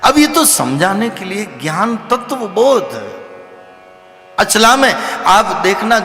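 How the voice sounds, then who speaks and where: A man giving an animated devotional scripture discourse as a religious storyteller, sometimes rising to loud exclamations. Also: sits high, echoey room, long reverb tail. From Rajasthan, India.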